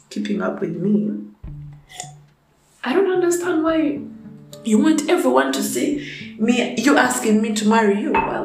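A woman's voice: fairly high pitch, creaky, echoey room, rough recording. A young woman who is sick and whose voice is off rants bluntly and profanely in a casual opinion vlog. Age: young adult. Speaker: vlogger.

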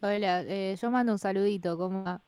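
A woman's voice: medium pitch, a little fast, darkish tone, clear, resonant tone, dry recording, studio quality. A woman singer calling in remotely to a radio show, her voice choppy and breaking up over a bad connection. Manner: brief friendly greeting. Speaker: singer and songwriter joining remotely.

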